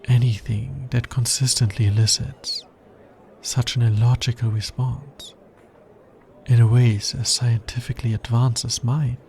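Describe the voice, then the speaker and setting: A man acts an anxious, logical alien scientist in an intimate ASMR roleplay, his mid-range voice dark and creaky. He speaks very slowly in careful, formal, hesitant phrases that often halt, and the poor audio carries a little hiss or hum.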